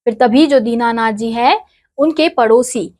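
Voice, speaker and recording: A woman's voice: fairly high pitch, unhurried, a little mellow. A woman teacher reading and explaining a school play, speaking directly to her students. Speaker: Hindi teacher.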